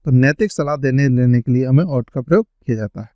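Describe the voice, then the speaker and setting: A man explains grammar exercises in a patient lesson voice, reading each example sentence slowly and deliberately. His voice sits at an ordinary middle pitch. The recording is dry with no room sound, but dull and lo-fi. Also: mellow, dry recording. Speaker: teacher.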